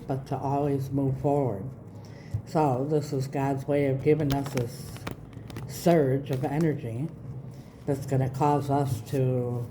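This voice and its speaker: A woman giving an unhurried, earnest spiritual card reading to online viewers, her speech slightly slurred and slushy as she recovers from mouth surgery. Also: rumbling low. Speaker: tarot reader, channel host. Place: indoors in an echoey room. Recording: roomy echo, background noise.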